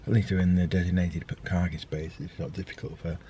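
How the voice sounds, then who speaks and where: Speaking fast in a dark, low, flat voice, a man in his thirties vlogs over slight background noise. His daily vlog is casual and rambling, hesitant with many ums, filmed on a handheld camera at arm's length. He starts in a park outdoors, then talks from a car and finally at home.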